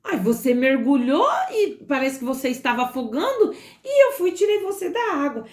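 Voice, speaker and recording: A woman's voice: sits high, sing-song, moderate pace, darkish tone. A woman voicing a worried young woman calling urgently to her sister. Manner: urgent, concerned. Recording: roomy echo.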